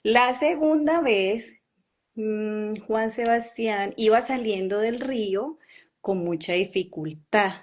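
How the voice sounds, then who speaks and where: Colombian woman telling her story, earnest and emotional, lots of pauses and eh's, middle pitch. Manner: halting, with many pauses and fillers. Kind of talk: personal testimony.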